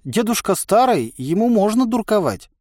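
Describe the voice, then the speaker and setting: A man's voice: high voice, sing-song, moderate pace, darkish tone, no room sound, studio quality, voice pushed up. A man doing a chatty wry inner voice. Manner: talkative, ironic, reasoning.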